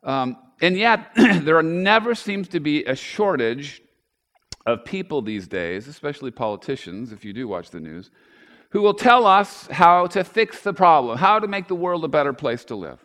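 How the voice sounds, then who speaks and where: A man preaches a sermon in a relaxed, conversational way, his pitch moving up and down in a lively manner. He stumbles and restarts often, then lifts his voice and volume to press home the main points. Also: normal speed. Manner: conversational, with fillers and restarts, swelling louder on key points. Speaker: pastor.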